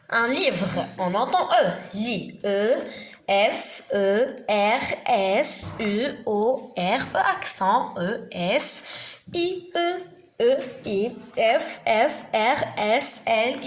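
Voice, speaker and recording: A woman giving a beginners' reading lesson, spelling out letters and syllables slowly and deliberately. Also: on the high side. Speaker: teacher. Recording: echoey room with faint noise.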